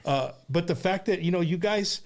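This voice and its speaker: A man's voice: high voice, moderate pace. A man hosting a casual, bantering interview, informally slipping Spanish slang into English and repeating words in bursts. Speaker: show host.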